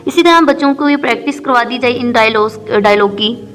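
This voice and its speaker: A woman, an English teacher giving a recorded lesson, explaining patiently and reading English lines out slowly. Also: fairly high pitch, a bit bright, a little hiss or hum. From Pakistan.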